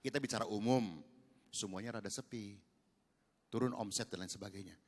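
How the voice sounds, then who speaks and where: A middle-aged male pastor preaching a sermon, animated, moving from hushed asides to loud exhortation. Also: fairly low pitch, a little fast. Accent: Indonesian. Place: large church hall. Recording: long church reverb.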